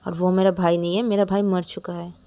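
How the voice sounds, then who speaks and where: A woman puts on a defiant young woman in a spoken love story, short and bitter in her replies. The voice sits fairly low. Its tone is dark and mellow. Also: flat delivery, a little fast, close to an everyday voice. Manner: curt, bitter, firm.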